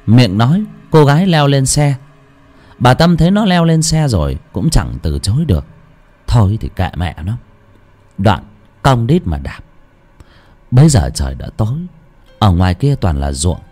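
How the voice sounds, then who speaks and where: A man's voice: mid-range voice, big pitch swings, moderate pace, long pauses, a little mellow. A man narrating a ghost story in a dramatic, vivid way.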